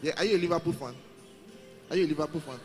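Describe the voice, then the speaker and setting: A man's voice: on the high side, racing, darkish tone, soft background music. A man hosting a live youth event in a large hall, coaxing and calling out to the crowd. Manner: coaxing, calls out to the crowd, repeats himself.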